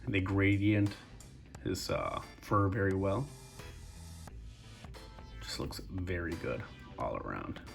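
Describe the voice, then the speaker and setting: A man's voice: sits low, slow, vocal fry, pauses often, faint music behind. A young man with a congested voice, breathing through his mouth as he chats casually through a toy review. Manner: relaxed, chatty, addresses viewers as guys.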